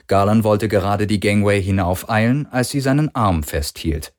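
A man narrating an audiobook with expressive storytelling. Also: on the low side, normal speed, no echo, clean studio sound. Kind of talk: scripted narration.

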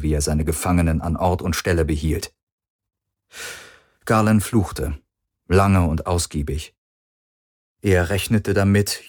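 A man narrating a science fiction audiobook in a steady, dramatic way. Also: deep voice. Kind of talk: scripted narration.

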